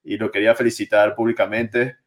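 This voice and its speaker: A man co-hosting a casual chat, dropping in friendly, quick remarks. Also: fairly low pitch, flat delivery. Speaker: podcast host.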